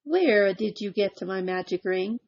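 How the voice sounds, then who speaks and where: A woman's voice: mid-range voice, animated, normal speed, a little mellow, muffled recording. A woman voicing a stern old village witch who gives firm instructions.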